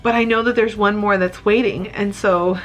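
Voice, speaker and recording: A woman's voice: medium pitch, steady tone, moderate pace. A woman in her late thirties talking candidly and a little rambling in a personal vlog, open and tender with small laughs. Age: late 30s. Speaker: vlogger.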